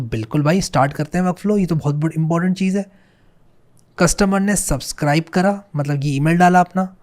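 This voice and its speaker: A man hosting a casual screen-share software tutorial in a chatty way, often checking in with his viewers and slowly reading on-screen text aloud. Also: on the high side. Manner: chatty, repeats "theek hai" and "bhai", reads on-screen English slowly. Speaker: coding tutorial host.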